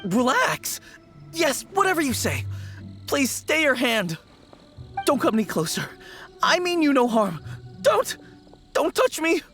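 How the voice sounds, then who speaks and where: A man's voice: very high-pitched, very animated, measured pace, long pauses, a bit bright, full character voice. A man voicing a timid, polite young novice undertaker in a video game. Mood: terrified. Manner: nervous, formally polite. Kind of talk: video game character acting. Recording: game music behind the voice.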